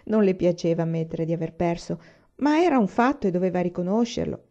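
A woman narrating a novel aloud in calm, even storytelling. Her voice is warm and mellow. The recording sounds slightly dull and lo-fi. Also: fairly low pitch, fairly quick. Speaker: reader. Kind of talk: audiobook narration.

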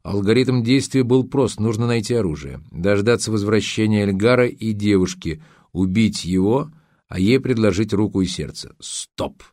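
Low-voiced man reading a novel. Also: moderate pace, warm tone, dry recording, studio quality. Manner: dramatic reading with voiced dialogue. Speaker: audiobook narrator. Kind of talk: scripted narration.

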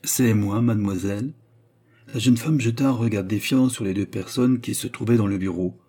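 A man narrating a novel as an audiobook in a measured, even reading. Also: mid-range voice. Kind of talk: scripted narration.

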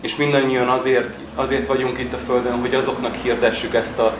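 A man with a medium-pitched voice interprets a sermon in short turns. He is halting, often repeating a word before going on. The room is echoey, with faint noise behind him. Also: flat delivery. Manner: halting, repeating and restarting words.

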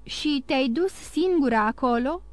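A woman's voice: sits high, animated, no room sound. A woman voicing a distraught older merchant father who questions in bewildered disbelief.

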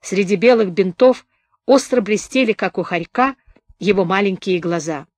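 A woman narrating a memoir audiobook in a calm, even literary reading. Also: medium pitch, normal speed, dry recording.

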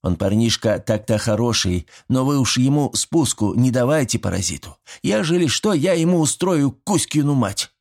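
A man's voice: mid-range voice, expressive, moderate pace, hardly any pauses, a little mellow, pitched above the performer's own voice. A man voicing a fussy, good-natured old village grandfather who talks in folksy rural speech, sighing and fretting. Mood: fretful. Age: older.

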